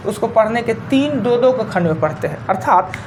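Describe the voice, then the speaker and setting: A woman's voice: on the high side, lively intonation, normal speed, background noise. A woman teacher with a Bihari Hindi accent gives a live classroom lecture. She explains step by step, counting digits aloud and repeating her key points.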